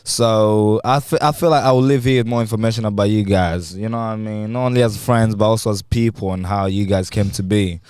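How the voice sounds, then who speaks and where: A young man from Congo co-hosts a casual podcast, speaking earnestly about its aims. His voice is mellow and warm, with a dry, close sound. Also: on the low side, fairly even intonation, a little fast, hardly any pauses, clear, resonant tone, dry recording. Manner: earnest, thoughtful, with playful slang. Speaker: podcast co-host.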